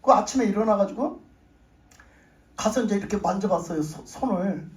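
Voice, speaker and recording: A woman's voice: mid-range voice, moderate pace. Woman pastor telling a testimony in a roomy hall. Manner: animated storytelling, acting out her own prayers. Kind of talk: testimony sermon. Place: church sanctuary. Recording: roomy church hall, voice from a distance.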